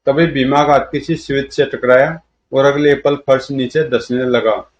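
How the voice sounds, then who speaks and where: A man's voice: medium pitch, fairly even intonation, moderate pace. A man narrating a comic-book story in a dramatic storytelling manner.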